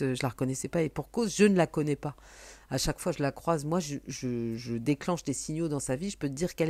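A chatty woman reading tarot cards in a casual, rambling way. She has a low, deep voice and sometimes slips into whispered asides. The sound is dry and close, with no room echo. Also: gravelly, darkish tone. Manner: chatty, meandering, drops into whispers. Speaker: tarot card reader. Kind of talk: casual spoken card reading.

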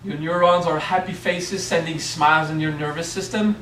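He has a fairly high, steady voice, a bit bright, delivered at a moderate pace with slight background noise. A middle-aged spiritual teacher with a French accent, he's playful in his workshop talk and checks in often with "okay?", recorded by a distant camera in an echoey hotel meeting room.

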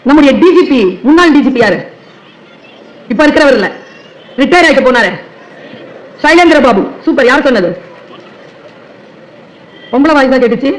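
A woman teacher giving a public speech at a book fair, telling stories lively and speaking straight to the crowd. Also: high voice, fairly quick, pauses often, echoey room, a little hiss or hum, low-quality recording. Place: large hall at a book fair.

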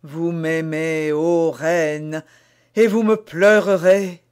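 A man's voice: fairly high pitch, steady tone, very slow, a little mellow, clear, resonant tone. A man reading aloud as an ardent, lovestruck nobleman who speaks fervently and fatalistically. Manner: fervent, declamatory.

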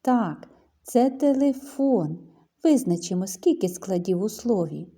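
Slow sing-song woman teaching young children. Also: medium pitch, lively intonation, warm tone. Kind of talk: children's lesson.

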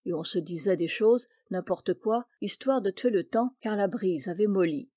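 A woman narrating a classic tale as an audiobook, measured and expressive. Her voice is mellow and warm, recorded close and dry with no room sound. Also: mid-range voice, no room sound.

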